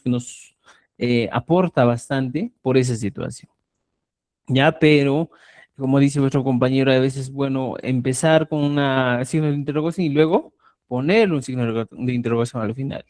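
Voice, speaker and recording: A man teaching a live online language class, explaining grammar and checking in with his students again and again. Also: medium pitch. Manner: lively, checks in constantly with "¿ya?". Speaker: Quechua teacher. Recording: live video call.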